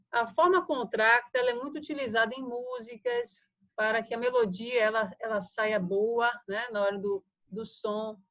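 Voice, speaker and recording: A woman's voice: on the high side, a bit bright, poor audio. Patient Brazilian-Portuguese-speaking woman teaching. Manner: patient, explanatory, with frequent checks like "né?" and "certo?". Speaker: English teacher. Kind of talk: online lesson explaining grammar.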